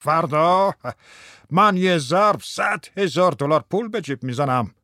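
An actor playing a boastful, jovial husband. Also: male voice, fairly high pitch, lively intonation, bright, forceful tone, no echo, clean studio sound. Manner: chatty, jovial and self-satisfied. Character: cheerful boastful middle-aged husband, businessman. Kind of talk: radio drama acting.

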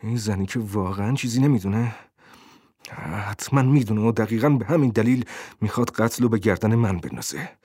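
A nervous, hunted man muttering his fears to himself, as a male narrator voices him. The voice sits low and turns quiet and tense as he worries. The sound is dry and close. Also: dry recording, lightly acted. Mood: anxious.

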